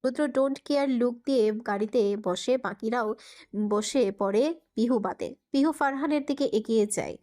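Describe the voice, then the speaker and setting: A woman's voice: fairly high pitch, normal speed, dark tone. Woman narrating a romance story.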